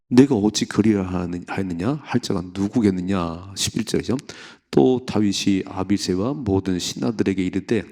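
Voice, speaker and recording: A male Korean pastor preaching at a dawn prayer service, with a low voice and a gravelly edge. He reads scripture aloud and then breaks into lively retellings, acting out the voices in the story. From South Korea. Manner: animated, acts out the story's voices. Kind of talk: early morning prayer sermon.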